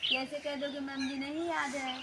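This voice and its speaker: A woman's voice: high-pitched, flat delivery, normal speed, heavy background noise. A woman playing a teacher who quizzes children on English words, scolding them sternly and repeating her questions. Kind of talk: scolding classroom skit.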